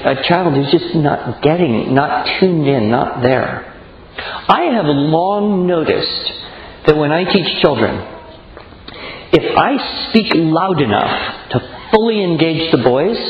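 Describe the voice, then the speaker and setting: A man's voice: a little high, slight background noise. A man who teaches children gives a talk to an audience, telling stories and acting out little voices as he goes. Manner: animated, storytelling with acted-out voices. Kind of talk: lecture to an audience. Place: large room with audience. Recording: echoey hall, dull lo-fi sound.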